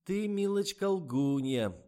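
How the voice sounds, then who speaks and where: Man voicing a shrill, bullying old blackmailer woman. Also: lively intonation. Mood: shrill accusing. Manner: shouting, accusing, drawn-out. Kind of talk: audiobook reading.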